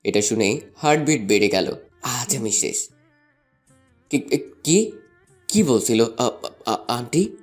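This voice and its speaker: A man's voice: fairly low pitch, animated, moderate pace, soft background music. A young man narrating a first-person love story and voicing a playful, teasing student in an audio drama. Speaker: narrator and lead voice actor.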